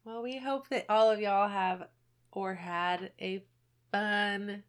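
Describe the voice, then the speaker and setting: Woman, mid-pitched voice, playful, enthusiastic podcast co-host. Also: steady tone, takes it slowly, smooth. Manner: playful, enthusiastic, laughs easily. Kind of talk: casual chat.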